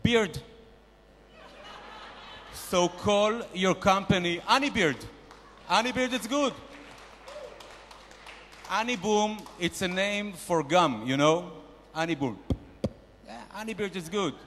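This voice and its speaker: In a reverberant conference hall, a male comedian at a panel portrays a boastful, pushy investor nicknamed the shark, barking bossy, mock-grand business pitches. He goes slowly, pausing often, with a little hiss or hum in the audio.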